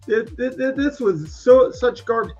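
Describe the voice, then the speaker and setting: A man's voice: extremely high pitch, lively intonation, measured pace, darkish tone, highs cut off, faint music behind. A man co-hosting a podcast, chatting casually and rambling through political talk with stammers and restarts. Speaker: podcast co-host.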